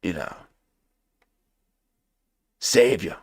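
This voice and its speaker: Slow gravelly man rambling on a livestream. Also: low-pitched, lively intonation, no echo, clean studio sound. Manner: rambling, fills nearly every pause with "okay?". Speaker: livestream reaction host. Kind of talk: casual rambling livestream commentary.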